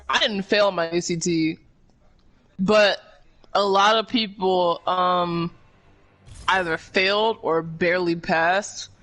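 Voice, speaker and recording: A man's voice: sits high, sharp tone. A young man streaming a game, chatting casually and swearing often, with frequent laughs. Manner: laid-back, profane, laughs often. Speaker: gaming streamer. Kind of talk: casual chat while gaming.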